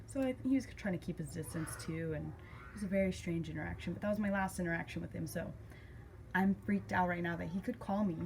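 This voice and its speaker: A young adult woman tells a personal story casually and with emotion, acting out remembered conversations along the way. Her voice is fairly low and a little mellow, and she talks fast. Background noise comes through clearly.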